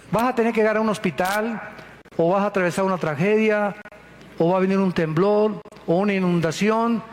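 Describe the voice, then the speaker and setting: High-voiced, emphatic Mexican preacher man. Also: a little hiss or hum. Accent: Mexican Spanish. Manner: emphatic and dramatic, jumping from soft low asides to sudden high outbursts; folksy, with rhetorical questions to the listener. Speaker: pastor. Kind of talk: sermon.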